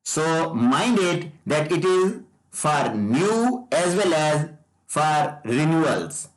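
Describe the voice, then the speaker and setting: Man, tutor, deliberate repetitive explaining, slightly high voice. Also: big pitch swings, poor audio. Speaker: driver licensing trainer and tutor. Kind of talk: explanatory lesson presentation.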